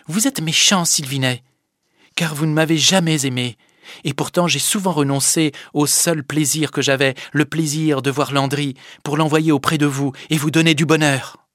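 A man's voice: on the high side, fairly even intonation, normal speed, dry recording, clean studio sound, pitched above the performer's own voice, natural voice. A man reading an audiobook, voicing a stern, commanding young village girl who scolds firmly. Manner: firm, scolding, then gentle. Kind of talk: audiobook character voice.

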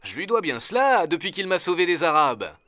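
A man's voice: on the high side, sing-song, fairly quick, fairly bright tone, no echo, pitched above the performer's own voice. A man voicing a loyal, cheerful young male servant in a storybook reading. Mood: devoted.

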